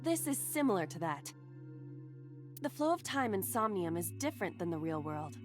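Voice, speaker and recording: A woman playing a composed AI partner in a video game, speaking in a measured, precise, explanatory way. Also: mid-range voice, big pitch swings, soft background music, lightly acted. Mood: calm, explanatory. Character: composed female AI partner guiding a detective.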